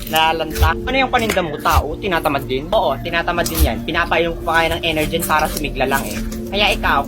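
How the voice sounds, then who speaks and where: A woman performing a one-person comedy skit, playing several characters who trade sassy insults and bicker. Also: on the low side.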